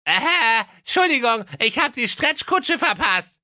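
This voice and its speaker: A man voicing a dim, carefree young prince with a high goofy voice and a cheeky manner. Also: very animated, a little slow, bright, forceful tone, no room sound, clean studio sound, full character voice.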